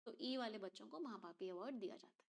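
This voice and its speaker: Speaking fast in a mid-range voice with vocal fry, a woman teacher walks her class through an exam reading passage step by step. She keeps putting questions to the students throughout this reading-comprehension lesson.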